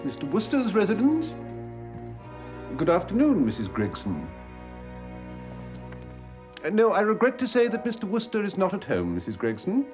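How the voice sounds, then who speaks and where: An actor playing a formal, measured and deferential English valet. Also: male voice, high-pitched, wildly swooping pitch, music in the background. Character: unflappable, dignified gentleman's valet.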